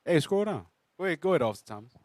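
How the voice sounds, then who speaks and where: A man with a high-pitched voice in a dry recording, chatting about news with a group. He speaks in loose slang and leans on his points by repeating them. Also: very animated, racing, darkish tone, no echo. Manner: slangy, emphatic, repeats himself. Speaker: panelist on a religious group's news discussion show. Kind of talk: casual group discussion of news.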